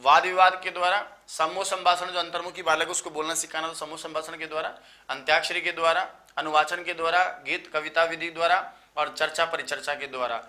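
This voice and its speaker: A man, tired after just waking up, teaching a live online exam-prep lecture and listing terms in quick runs. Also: a little high, bright, forceful tone. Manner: explanatory, lists terms in quick runs, addresses students as sir.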